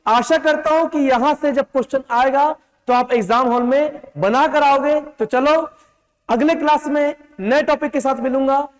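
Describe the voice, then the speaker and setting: High-voiced man teaching in an echoing hall. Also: normal speed. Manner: drills spellings, calls students beta, repeats "clear hai?". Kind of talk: exam-prep lecture.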